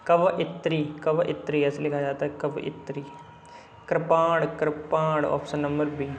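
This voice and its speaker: A man's voice: on the high side, level tone, a little slow, reverberant, a little hiss or hum. Man tutoring spelling, repeating each word. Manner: repeats words over and over, informal asides. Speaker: Hindi exam tutor. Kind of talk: spelling lesson walking through a book.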